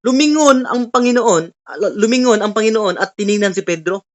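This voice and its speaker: A woman's voice: medium pitch, animated, fairly quick, dull audio. A woman preaching earnestly at an online Bible study over a video call, often tagging her lines with a questioning "no?". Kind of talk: online sermon.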